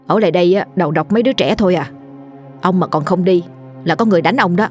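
A woman's voice: fairly low pitch, quick pace, a little mellow, faint music behind, lightly acted. A woman voicing a dismissive bystander who threatens a vendor in a storybook tale. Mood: hostile. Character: hostile bystander driving a vendor off.

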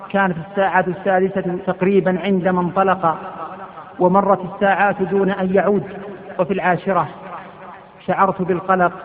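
A male preacher giving a sermon. He retells a story solemnly and repeats phrases for emphasis. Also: high voice. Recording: tinny lo-fi sound with long hall reverb.

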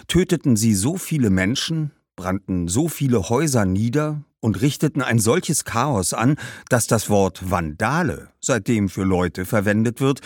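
A man narrating a history story for children in a lively, explanatory way. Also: fairly low pitch, no echo, clean studio sound.

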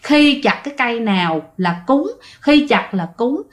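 Woman telling ghost stories, chatty, lots of fillers, kinda high voice. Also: animated, measured pace. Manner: chatty, addresses listeners directly, many fillers. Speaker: ghost story narrator. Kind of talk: casual spoken storytelling.

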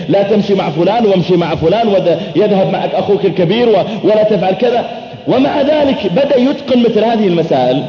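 A middle-aged male preacher delivers a sermon at a quick clip, acting out his anecdotes with lively turns of voice. His voice sits a little high. The recording is dull and lo-fi, and it carries the long echo of a large hall. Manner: animated, acts out dialogue, chants verses slowly. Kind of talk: sermon storytelling. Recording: echoey hall, dull lo-fi sound.

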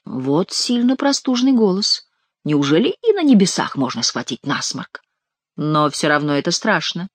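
A woman's voice: on the low side, very animated, normal speed, slightly rough, no room sound. A woman voicing a sly male court jester who mocks and nasally mimics the king. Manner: mocking, mimics the king's nasal whine.

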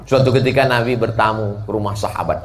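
A man preaching a sermon at a mosque gathering, jokey and animated, swinging from loud shouts to near-whispers. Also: fairly low pitch, fast, a little hiss or hum. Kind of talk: sermon at a mass religious gathering. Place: mosque event.

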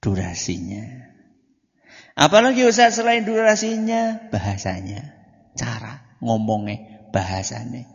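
A man giving a religious study lecture as a preacher, joking, asking the audience questions and answering them himself, and moving between loud and soft delivery. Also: mid-range voice, huge pitch swings, measured pace, vocal fry, long pauses. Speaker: Islamic preacher. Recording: dull lo-fi recording in a reverberant hall.

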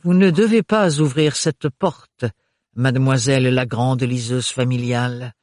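A man's voice: mid-range voice, a little slow, darkish tone, no echo, studio quality, natural voice. A man reading aloud voices a mannered male court official who speaks in a honeyed, cooing tone. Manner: syrupy, cooing, affected.

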